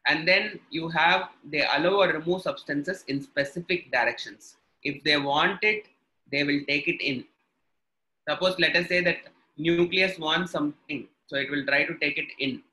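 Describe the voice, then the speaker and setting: Bright-voiced South Indian man teaching. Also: a little high, poor audio. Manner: instructional, repeats and rephrases points. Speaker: biology teacher. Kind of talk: live online lesson, explaining with short repeated examples.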